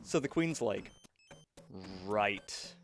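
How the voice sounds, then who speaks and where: A man's voice: medium pitch, big pitch swings, a little slow, slight background noise. Joking man telling a tale while gaming. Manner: joking, distracted, self-interrupting. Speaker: streamer and storyteller. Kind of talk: casual storytelling while gaming.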